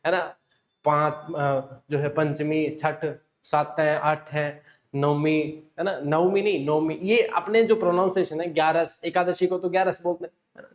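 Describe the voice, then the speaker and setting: A man's voice: a little high, a little mellow. A man from Rajasthan, teaching an exam coaching class, asking and answering his own questions. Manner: explanatory, asks and answers himself, frequent "है ना". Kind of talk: classroom lecture.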